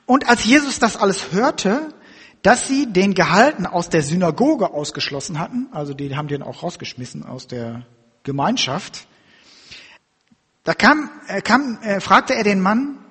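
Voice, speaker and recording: Male preacher, very husky, lively pitch, reads scripture with feeling, long hall reverb. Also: normal speed. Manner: reads scripture aloud with expression, then explains informally. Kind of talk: sermon with Bible reading.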